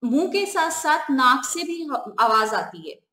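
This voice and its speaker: Woman teacher, high voice, quizzing and answering herself, slow repeated key terms, echoey room. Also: very animated, pushed and bright. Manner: asks questions and answers them herself. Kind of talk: classroom grammar lesson.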